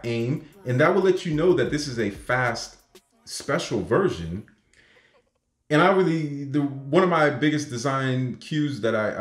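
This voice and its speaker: A man casually talking through his car brand design ideas, animated and excitable, often checking in with "right?". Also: medium pitch. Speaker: vlogger. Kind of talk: casual design talk to camera. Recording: echoey room with faint music.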